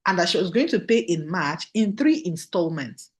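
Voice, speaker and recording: Nigerian woman trainer, very animated delivery, emphatic, repeats points for the room. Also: lowish voice, normal speed. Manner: emphatic, repeats key phrases, asks listeners for agreement. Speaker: business trainer. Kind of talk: motivational training talk.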